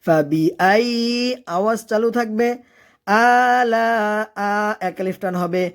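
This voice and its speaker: A recitation teacher with a medium pitch gives a step-by-step lesson. Each word is chanted in a slow, long-drawn way. Then the teacher turns to quick, plain explanation, asking questions and answering them. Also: steady tone. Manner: leads the learner, asking and answering its own questions.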